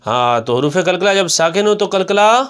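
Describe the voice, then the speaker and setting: A man with a Pakistani Urdu accent teaching Quran pronunciation in a fairly high voice. He drills each syllable slowly and repeats it, asks questions and answers them himself. When he recites, he stretches out and intones the words. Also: animated, a bit bright.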